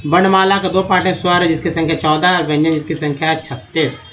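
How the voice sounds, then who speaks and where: A man's voice: fairly high pitch, flat delivery, fast, a bit bright, soft background music. A man teaching English pronunciation in Hindi, explaining step by step and asking questions that he answers himself. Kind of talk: classroom-style explanation.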